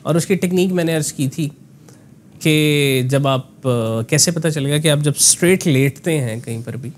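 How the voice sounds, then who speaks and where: A man coaching voice work in a relaxed, explanatory conversation, often slipping English phrases into his talk. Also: fairly high pitch, normal speed, a little hiss or hum. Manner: explanatory, mixes in English phrases, frequent "ना" tags. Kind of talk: conversational voice lesson.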